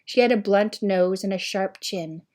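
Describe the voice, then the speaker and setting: An audiobook reader, a woman with a middle-pitched voice, narrates a storybook. She reads in a measured, expressive way, like someone reading a novel aloud.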